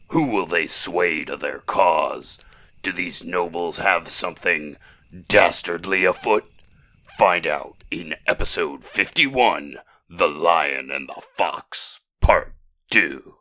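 Grand bardic male narrator, low and slow. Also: pushed and bright. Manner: grand, rhythmic, dramatic. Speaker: narrator of an episode introduction.

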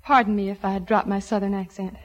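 An actress playing a spirited young chorus girl in a 1940s radio comedy-drama, sweet one moment and sharp the next. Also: mid-range voice, level tone, a little fast, close to an everyday voice. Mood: cutting. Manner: sweet at first, then sharp and cutting.

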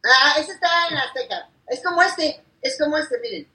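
Bright, high woman in an echoey room. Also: expressive, moderate pace, recorded from a distance. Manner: chatty, playful, shows things off. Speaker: gossip show co-host. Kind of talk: casual showbiz gossip chat. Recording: echoey room, set back from the mic.

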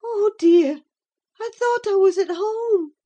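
In an audiobook of a classic novel, a woman plays a delirious, frightened young wife who frets, pleads and lets out gasping exclamations. Her voice is raised above her natural pitch, high, mellow and slow, and the recording sounds muffled. The mood is weak and ashamed.

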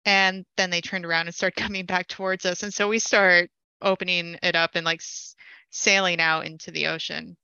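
Bright, clear-voiced woman telling a gaming story. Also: on the low side, moderate pace, no echo, lo-fi sound. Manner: animated, laughing storyteller with fillers. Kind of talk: casual storytelling.

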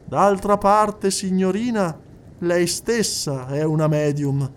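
A man's voice: sits high, steady tone, slow pace, a little hiss or hum, voice pushed up. A man voicing a serious, distant woman spirit medium who speaks plainly and earnestly.

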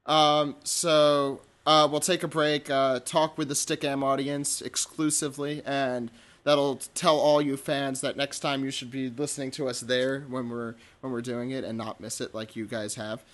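A man hosting a podcast in a casual, unscripted way, halting and stumbling over his words. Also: medium pitch, flat delivery, a bit bright. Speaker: podcast host.

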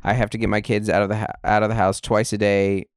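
A man's voice: fairly low pitch, level tone, quick pace, clean tone, dry recording, clean studio sound. A man co-hosting a casual podcast, chatting and reading listener emails aloud with easygoing asides. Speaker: podcast co-host.

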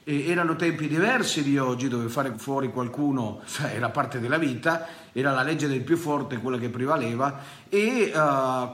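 A man preaching a sermon as pastor, impassioned and rising to loud peaks, with frequent fillers and restarts. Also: medium pitch, roomy sound.

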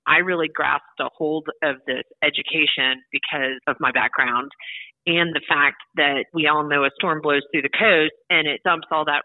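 A woman's voice: low-pitched, no room sound. Female phone-in guest, chatty and explanatory, narrow telephone sound, dry. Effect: heard over the phone. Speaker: brewery guest on a radio show. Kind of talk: phone-in radio interview. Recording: tinny phone line, dry.

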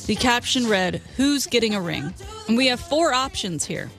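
A woman's voice: on the high side, expressive, moderate pace, a bit bright. Opinionated woman talking sports over faint music. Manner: opinionated, conversational. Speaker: sports radio co-host. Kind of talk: casual sports talk.

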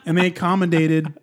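A man chatting casually, rambling through a story, swearing freely and acting out what people said. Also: on the high side. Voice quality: tall and large build said. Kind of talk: casual chat.

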